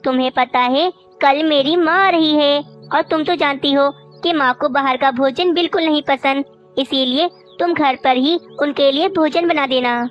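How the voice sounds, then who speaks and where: A woman's voice: high-pitched, normal speed, dull audio, lightly acted. Woman doing a nice rich guy crow, earnest, cartoon, music behind. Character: wealthy, doting husband crow, male. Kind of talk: cartoon voice acting.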